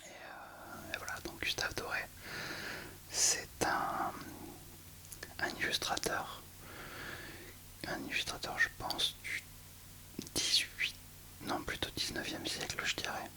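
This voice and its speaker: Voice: slow pace, long pauses. A person whispering a book presentation for ASMR, speaking in a hesitant, self-deprecating way into a close mic. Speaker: ASMR video creator.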